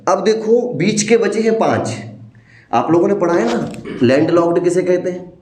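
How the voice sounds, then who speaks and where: A man teaches a demo lesson in a playful, step-by-step way. His voice sits fairly high. The room around him is echoey. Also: moderate pace, darkish tone, slight background noise. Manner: playful, explains step by step, addresses listeners as "beta".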